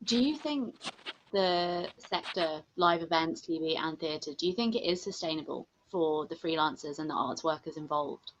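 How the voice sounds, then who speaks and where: A woman with a slightly low voice acts as interviewer, speaking conversationally. The recording is somewhat dull, with faint noise behind her. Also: expressive, normal speed. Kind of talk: conversational interview with listening murmurs.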